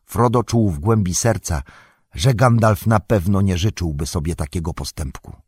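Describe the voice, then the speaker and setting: A man narrating an audiobook in a measured, unhurried storytelling manner. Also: sits low, a little mellow, slightly rough, dry recording, studio quality. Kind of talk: scripted narration.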